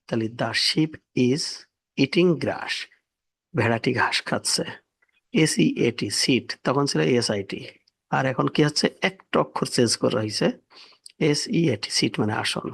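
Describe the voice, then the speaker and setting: A man's voice: medium pitch, unhurried, vocal fry, a bit bright, slightly rough. A man giving a spoken language lesson, spelling words out letter by letter and repeating each one carefully. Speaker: English teacher.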